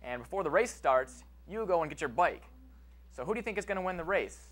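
A man's voice: high voice, animated, quick pace, a bit bright. A young man introducing a chemistry demonstration to schoolchildren, upbeat and asking them simple questions. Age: young adult. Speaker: science demonstrator. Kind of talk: introducing a demo to children. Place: TV studio stage with a child audience.

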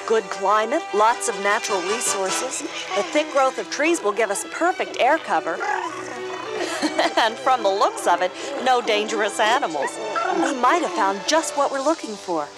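A woman plays a young rebel princess in a storybook adventure. She is confident, informal and teasing, with a high, animated voice over loud music. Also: natural voice, poor audio. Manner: brisk, informal.

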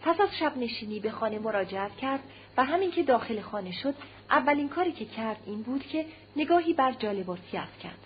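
Slightly high-voiced woman audiobook narrator. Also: animated, muffled recording. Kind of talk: scripted narration of a classic novel.

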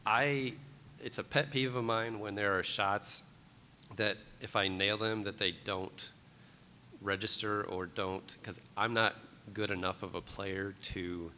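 Low guy on a panel, ums a lot, bright sharp tone, echoey hall. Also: fairly even intonation, a little slow. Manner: earnest, hesitant, with many ums. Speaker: guest panelist. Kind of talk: live panel chat. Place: convention panel room. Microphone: table mic on a stand. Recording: hall reverb with faint rumble.

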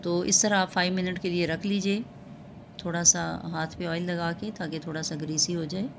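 A woman talks through a cooking lesson at home in a low, even voice. She explains patiently and fills her pauses with little hesitation sounds. A faint hiss sits behind her. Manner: calm, explanatory, with frequent filler sounds. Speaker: cooking channel host. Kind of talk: home cooking tutorial voice-over.

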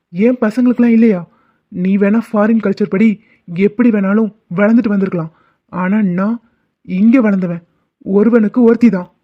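Cartoon role: man playing a proud, angry young villager, high voice, dull lo-fi audio. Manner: harsh, scolding. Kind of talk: cartoon dubbing.

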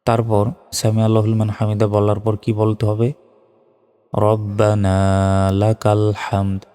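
A man teaching prayer pronunciation, spelling words out letter by letter and drawing the recitations out slowly. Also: fairly low pitch, monotone, warm tone, big-room sound. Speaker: religious teacher. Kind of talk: instructional lesson on prayer pronunciation.

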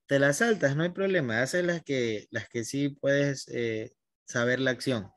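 A man's voice: medium pitch, a little slow, fairly bright tone, dry recording, clean studio sound. A man teaching a language class online, patiently guiding his students by name.

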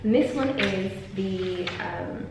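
Her mid-range voice is creaky and she takes her time, though she's still a chatty, animated young woman who ums and laughs a lot. A London PhD student, she's vlogging casually from an indoor university office lab, using a desk camera and then a handheld selfie view. Expect strong room echo plus a faint hum.

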